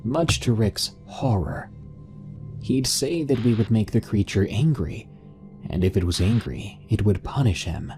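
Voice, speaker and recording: A man narrating a horror story in a measured storytelling style. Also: on the low side, animated, music in the background.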